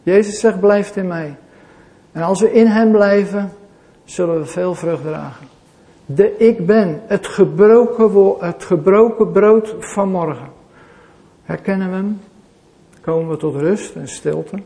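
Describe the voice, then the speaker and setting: A man preaching a sermon to a congregation, swinging between loud declarations and quiet asides, returning again and again to a repeated rhetorical question. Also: high voice, a little slow. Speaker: pastor.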